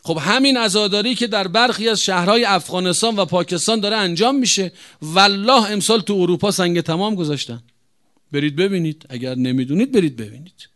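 A man delivers a sermon in a high-pitched voice. His tone is smooth and resonant, and he presses his points home emphatically. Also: fairly bright tone. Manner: emphatic, addresses audience as brothers and sisters. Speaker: preacher. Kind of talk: religious sermon.

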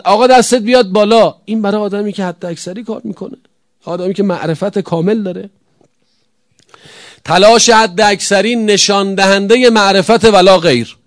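Man, sermon, high voice, emphatic rhetorical questions, dry close sound. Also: no room sound. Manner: emphatic, rhetorical questions, sweeping swings in loudness. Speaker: preacher. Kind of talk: religious sermon.

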